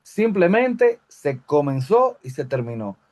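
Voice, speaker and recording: A man explaining English grammar step by step, slowing down to read example sentences. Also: fairly high pitch, sing-song, darkish tone. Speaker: English teacher. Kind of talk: recorded grammar lesson.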